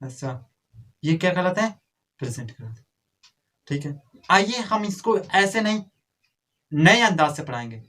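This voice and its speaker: A man's voice: high-pitched, big pitch swings, moderate pace, pauses often, bright, forceful tone. Scolding man teaching a class. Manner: scolding, repetitive drilling, addresses pupils directly. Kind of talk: classroom grammar lesson.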